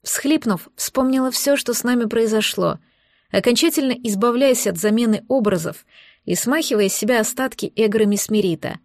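Expressive woman reading a fantasy audiobook. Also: fairly high pitch, normal speed, dry recording, clean studio sound. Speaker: audiobook narrator.

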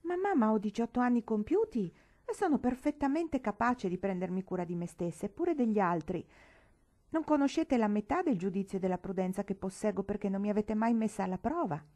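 A woman's voice: mid-range voice, lively intonation, brisk, dark tone, pitched above the performer's own voice, close to an everyday voice. A woman doing an eager, pleading eighteen-year-old girl. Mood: earnest pleading. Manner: earnest, insistent.

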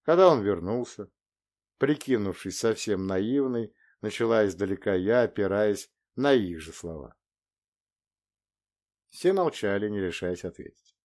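A man narrating a detective novel in the first person with steady, even storytelling. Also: fairly low pitch, unhurried. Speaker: audiobook reader. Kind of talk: scripted narration.

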